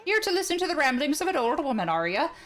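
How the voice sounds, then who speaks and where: A woman's voice: high-pitched, big pitch swings, quick pace, a bit bright, faint music behind, voice pushed up. A woman voicing a cheerful, fussy old village woman in a put-on Irish accent while reading game dialogue. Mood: fussing, delighted. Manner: sing-song, fretting and delighted.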